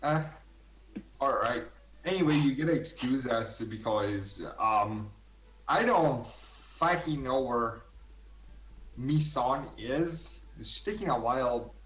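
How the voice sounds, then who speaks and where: A man's voice: mid-range voice, expressive, slow, a bit bright, far from the mic. A man voicing a confused, apologetic old male tavern keeper in a tabletop game. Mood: flustered. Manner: flustered, apologetic. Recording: echoey room, off mic.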